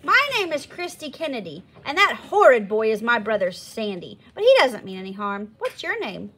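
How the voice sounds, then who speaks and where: A woman's voice: on the high side, sing-song, normal speed, fairly bright tone, husky, voice pushed down, full character voice. A woman reading aloud and voicing a friendly, chatty schoolgirl who talks in a welcoming way.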